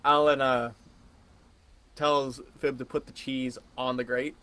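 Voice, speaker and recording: A man's voice: mid-range voice, level tone, takes it slowly, pushed and bright, smooth. A man playing a tabletop game, describing his character's actions in the third person, a bit hesitant. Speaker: player.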